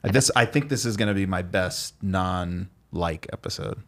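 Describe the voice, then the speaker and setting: A man hosting a podcast interview in a studio, easygoing and quick to laugh along with his guest. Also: sits low, fairly bright tone. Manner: easygoing, reactive, laughs along, self-conscious about fillers. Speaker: podcast host. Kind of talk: casual interview chat.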